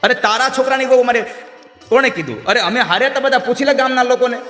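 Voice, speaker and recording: Fields: man voicing an excited old holy man. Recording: echoey hall. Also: very high-pitched, quick pace, soft background music, pitched above the performer's own voice. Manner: excited and emphatic. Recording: echoey hall with faint sitar.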